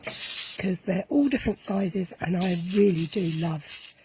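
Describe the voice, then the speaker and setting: A woman walks through a craft project at an unhurried pace, her voice a little croaky. She chats casually and corrects herself as she works with her hands. A faint hiss sits behind her voice. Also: medium pitch, animated. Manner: chatty, self-correcting, talks while working with hands. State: slightly croaky voice. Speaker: craft tutorial host. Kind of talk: casual step-by-step craft demonstration.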